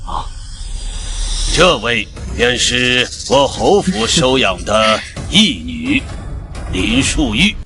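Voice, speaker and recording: An actor playing a stern, proud noble marquis in a costume drama, speaking in a stiff, commanding way. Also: male voice, medium pitch, big pitch swings, slow, pushed and bright, heavily acted. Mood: formal. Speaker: head of a noble house. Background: music.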